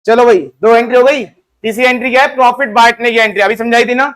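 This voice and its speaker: A man's voice: extremely high pitch, fairly even intonation, quick pace, a bit bright. A man teaching an accounting lesson to a class, coaxing answers out of his students and slipping English terms and figures into his talk. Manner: coaxing, asks students questions and answers them.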